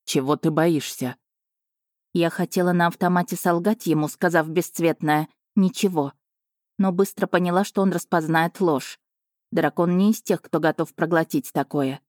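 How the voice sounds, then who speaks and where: Low-voiced woman narrating a novel. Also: steady tone, normal speed, a little mellow, dry recording, clean studio sound. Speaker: audiobook narrator. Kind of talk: first-person novel narration.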